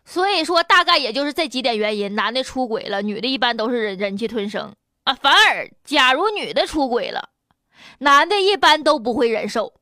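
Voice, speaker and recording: A woman hosts a comic news commentary in a folksy Northeastern Chinese accent. Her voice sits high and has a sharp, bright edge. She talks in animated rises and drops, colloquial and sardonic throughout. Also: brisk, dry recording, studio quality. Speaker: radio show host.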